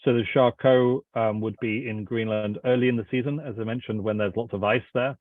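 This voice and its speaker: A man answering questions as a company representative, informal and halting in his delivery. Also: mid-range voice, steady tone, dry recording. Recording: thin phone-like line.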